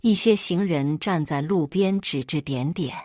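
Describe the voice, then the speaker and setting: A woman narrating a scripted story in an expressive storytelling manner. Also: deep voice, unhurried, no echo, studio quality.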